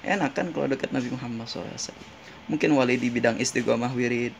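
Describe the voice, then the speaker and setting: Gravelly-voiced man preaching casually. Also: medium pitch, rapid-fire, a little hiss or hum. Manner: conversational, often asks "right?" of listeners; recites Arabic hadith then translates. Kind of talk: casual Islamic sermon. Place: in Jeddah.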